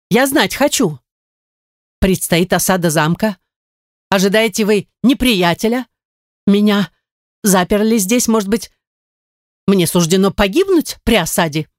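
A woman voicing an impatient, quarrelsome noblewoman who gives sharp, insistent commands. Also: medium pitch, no echo, studio quality, natural voice.

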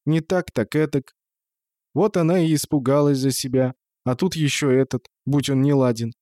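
A man voicing a frail, bedridden old spinster woman who speaks in a creaky, sighing, folksy way. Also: mid-range voice, fairly even intonation, normal speed, mellow, no room sound, clean studio sound, voice pushed up, lightly acted. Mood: grieving.

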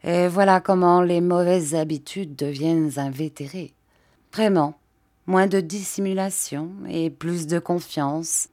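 A woman's voice: lowish voice, fairly even intonation, a little slow, a little mellow, natural voice. A woman reading an audiobook, voicing an ironic young woman who speaks with feigned innocence and pointed, raised questions.

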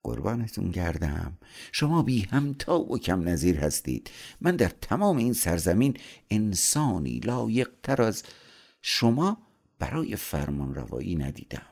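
A man's voice: fairly low pitch, very animated, darkish tone, pitched above the performer's own voice, full character voice. A man putting on a wheedling, scheming devil. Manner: smooth, wheedling, coaxing. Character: flattering, scheming male devil tempter. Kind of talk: audiobook storytelling.

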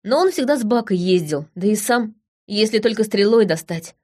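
A woman voicing a hurt young village man who confesses haltingly and repeats himself. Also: mid-range voice, expressive, darkish tone, lightly acted. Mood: confessing.

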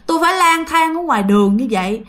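A woman's voice: sits high, lively intonation, fast talker, a bit bright. A woman voicing the vengeful ghost of an unborn baby boy, sobbing and accusing as she tells a ghost story. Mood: bitter wailing.

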